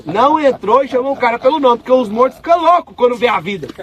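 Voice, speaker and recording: A man with a Brazilian Portuguese accent giving a casual spiritual talk to an audience, telling stories in animated, slangy speech. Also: extremely high pitch, fast. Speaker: spiritual speaker.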